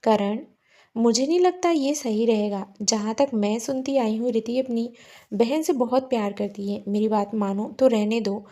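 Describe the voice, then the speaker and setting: A woman's voice: on the high side, normal speed, dark tone, close to an everyday voice. A woman voicing a worried middle-aged mother who gives a cautious warning.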